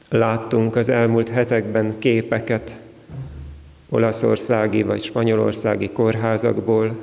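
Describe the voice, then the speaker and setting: A man delivers a sermon in a slow, reflective, carefully measured way, leaving long pauses between his short phrases. His voice sits low with a gravelly edge and stays fairly level in pitch. The sound carries a long reverb from a large hall. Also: a little mellow. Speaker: preacher.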